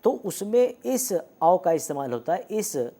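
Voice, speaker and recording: In this recorded lecture, a man teaching Urdu letters and vowels has a warm, high-pitched voice with big swings in pitch. He is patient, saying example words slowly and more than once, and often checks on his students.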